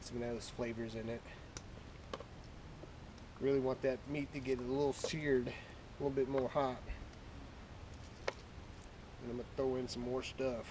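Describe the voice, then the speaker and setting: A cooking show host, this man explains each recipe step plainly and casually in an informal, folksy way. His mid-range voice stays level at a measured pace with long pauses. The recording has a clearly noisy background with clicks.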